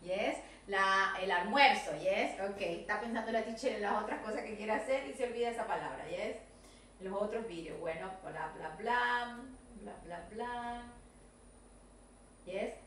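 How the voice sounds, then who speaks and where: A woman teaching English to young children in an online video class, speaking Argentine Spanish and drilling sentences slowly. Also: medium pitch, a bit bright. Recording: distant echoey room recording with faint noise.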